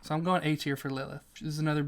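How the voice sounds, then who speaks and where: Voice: medium pitch, flat delivery, very fast. A YouTuber giving casual tier-list commentary, chatty and jokey, muttering to themselves and swearing now and then. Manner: swings between loud outbursts and quiet asides. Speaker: YouTuber ranking characters.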